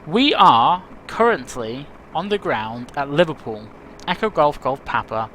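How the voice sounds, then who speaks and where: A man's voice: fairly high pitch, big pitch swings, measured pace, sharp tone. A man hosting his flight simulator video, talking casually to viewers in a chatty, self-deprecating, rambling way. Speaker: flight sim video host. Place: home room with rain and birds heard outside. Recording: faint rain and outdoor noise behind. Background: rain and birdsong.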